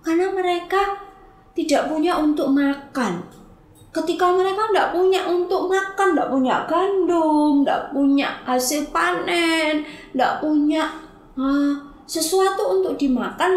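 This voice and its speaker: High-voiced woman telling a Bible story. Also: unhurried, echoey room. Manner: animated storytelling with questions to the children. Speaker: Sunday school teacher.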